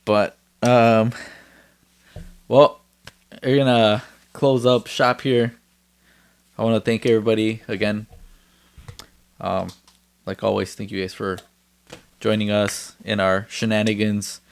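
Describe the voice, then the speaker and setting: A man's voice: on the low side, flat delivery, takes it slowly, gravelly, long pauses, clear, resonant tone. A man hosting a casual, laid-back podcast, chatting and joking with a friend and swearing freely. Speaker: podcast host. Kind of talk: casual chat.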